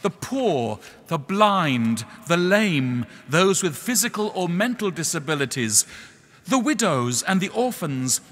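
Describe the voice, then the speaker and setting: A middle-aged man preaching a sermon in a measured, earnest way, pausing slowly on key words. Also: fairly high pitch, a bit bright. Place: church. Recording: echoey church hall.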